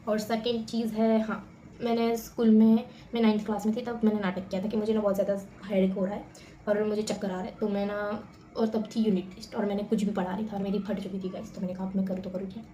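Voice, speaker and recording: A young woman vlogger telling stories to the camera in a chatty, animated way, often addressing her viewers as guys. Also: medium pitch, fast, echoey room, slight background noise. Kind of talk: casual storytelling to camera.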